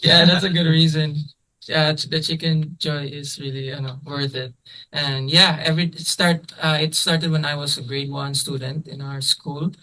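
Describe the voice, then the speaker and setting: Young Filipino man, rather high, flat. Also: normal speed, low-quality recording. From Philippines. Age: 20s. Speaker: band frontman and guest. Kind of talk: casual interview.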